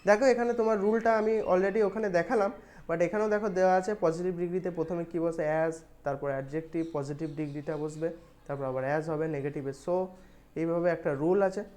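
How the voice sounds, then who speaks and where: A young woman with a Bengali accent teaching an exam-prep grammar lesson. She explains patiently, speaks straight to her students and reads English examples slowly. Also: on the low side, mellow.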